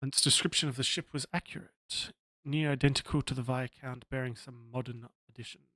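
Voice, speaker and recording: A man's voice: mid-range voice, fairly even intonation, brisk, sharp tone, no echo. Australian man reading game text. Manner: casual, self-mocking. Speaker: streamer. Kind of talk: let's-play reading game text aloud.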